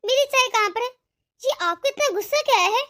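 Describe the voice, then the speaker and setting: A spoiled, haughty young daughter-in-law from a cartoon family story, voiced by a woman. She talks back sassily in a very high, bright voice. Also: expressive, a little fast. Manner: haughty, sassy.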